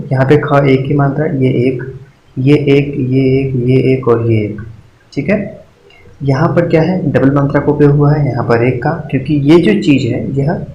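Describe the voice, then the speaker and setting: A man's voice: mid-range voice, darkish tone, lo-fi sound. Man teaching grammar in an echoey room. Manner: patient, repeats "ठीक है" often, counts aloud slowly. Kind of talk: exam-prep grammar lesson. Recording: echoey room with faint hiss.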